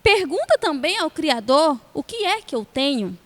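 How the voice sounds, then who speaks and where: A woman's voice: high voice, big pitch swings, unhurried, in a large hall. A woman voicing a weak, sick wolf who begs a passing man for help in a storybook tale. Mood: pleading. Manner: pleading, weary.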